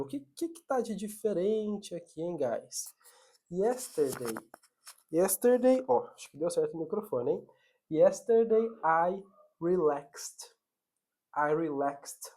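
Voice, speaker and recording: Slow, mellow-voiced woman English teacher. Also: lowish voice. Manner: patient, repeats the examples aloud. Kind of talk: explaining an English lesson.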